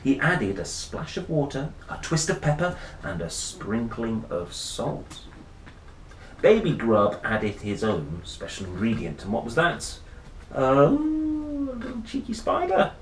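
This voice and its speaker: A man reads a children's picture book aloud, playful and theatrical, tossing in casual musing asides. His medium-pitched voice is very animated but slow, and the recording has a roomy echo with faint noise.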